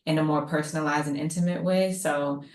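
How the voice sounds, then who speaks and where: Low-voiced woman in her thirties, echoey call. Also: fairly even intonation, fairly quick. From United States. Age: 30s. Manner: warm-hearted, chatty, laughing asides, fillers. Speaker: psychologist guest. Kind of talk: casual panel talk. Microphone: video call. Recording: echoey room on video call.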